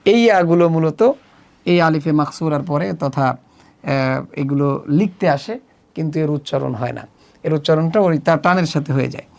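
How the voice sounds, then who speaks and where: A man with a Bangladeshi accent teaching children Arabic letters, spelling each sound slowly and deliberately in a drill. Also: a little high, creaky, darkish tone. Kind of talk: slow spelling drill lesson.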